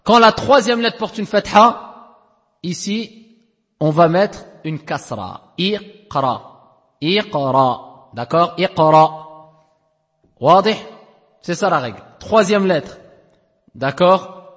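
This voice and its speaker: A man teaching Quran recitation rules, repeating each word slowly and often checking that his students follow. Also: high voice, expressive, a bit bright, big-room sound. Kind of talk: tajwid lesson explaining rules. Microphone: lo-fi audio recording.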